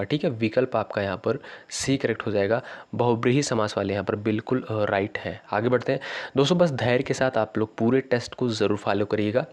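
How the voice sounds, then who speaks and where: A man teaching an exam-prep lesson. He reads each quiz question slowly, often says it twice, calls his viewers friends and repeats the correct option. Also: medium pitch, a little mellow. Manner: repeats questions slowly, stretches words, keeps saying "friends".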